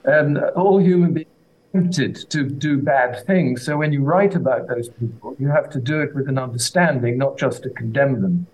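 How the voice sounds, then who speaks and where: A man, a guest author, answering radio interview questions in a hesitant, halting way over a remote line that sounds like an echoing tunnel. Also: medium pitch, a little mellow. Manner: hesitant, halting, restarts words. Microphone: remote connection into a radio studio.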